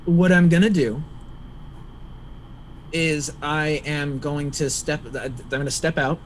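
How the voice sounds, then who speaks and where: A man chatting casually as a player in a tabletop game, halting as he thinks aloud. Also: fairly high pitch, steady tone, low-quality recording. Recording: faint background noise.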